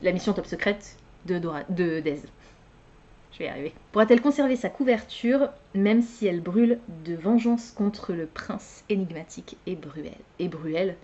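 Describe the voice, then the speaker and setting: A woman's voice: medium pitch, animated, moderate pace, warm tone, dull audio. A young woman chatting casually as a book vlogger, hesitant, with many fillers and self-corrections. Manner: laughs at her own slips. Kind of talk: casual chat.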